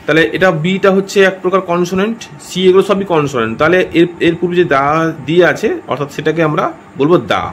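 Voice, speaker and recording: This grammar teacher has a high, slightly bright voice and talks fast, with a little hiss or hum underneath. In his explanatory lesson, he regularly checks in with the audience and repeats himself while reworking his wording.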